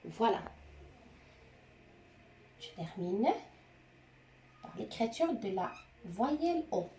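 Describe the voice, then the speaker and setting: A woman's voice: mid-range voice, very animated, dark tone, slight background noise. A woman teacher giving a handwriting lesson, explaining each stroke patiently, step by step. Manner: slow, patient step-by-step instruction.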